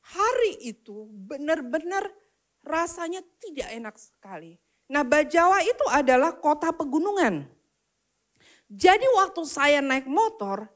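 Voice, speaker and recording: A woman preaching a personal testimony, swinging from loud declarations to hushed whispered prayers. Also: sits high. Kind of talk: testimony sermon.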